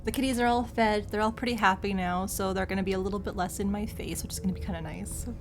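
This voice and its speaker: A woman's voice: mid-range voice, steady tone, fast. A woman doing casual, playful commentary as she streams a game, chatting and reacting aloud. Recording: faint music behind the voice.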